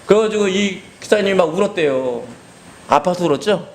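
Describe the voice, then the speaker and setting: Male pastor, lively sermon delivery, slightly high voice, acts out quoted lines. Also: a little fast, a little hiss or hum, low-quality recording. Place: hospital basement hall.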